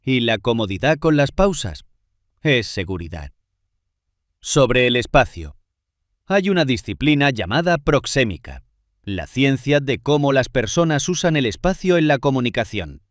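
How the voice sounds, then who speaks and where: Guy doing scripted narration, short clipped lines, lots of pitch movement, dry. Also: sing-song, no room sound. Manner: measured, short clipped phrases with pauses.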